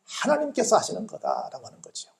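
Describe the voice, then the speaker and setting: A male pastor preaching a sermon in church, animated and putting many questions to the congregation. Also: high voice, fast, creaky.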